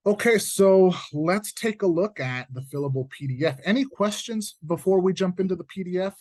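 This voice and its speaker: A man leading an online training session over a video call, talking haltingly with lots of fillers and repeats, his audio distant and breaking up. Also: lively intonation, darkish tone, no echo. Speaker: trainer leading a reporting webinar. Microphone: computer mic on a video call. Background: low-flying plane outside.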